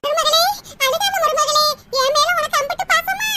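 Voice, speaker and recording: A woman doing a squeaky old mother-in-law. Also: faint music behind, full character voice. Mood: fond, bossy. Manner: chiding, drawn-out village speech. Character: fussy elderly Tamil mother-in-law. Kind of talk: cartoon voice acting. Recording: loud background noise.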